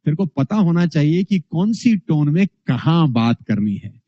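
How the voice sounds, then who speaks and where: A male speaking trainer delivers a motivational lesson with high energy and acts out his examples. His voice sits high and animated. The recording is dull and dry, close up with no room sound. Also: measured pace, no echo.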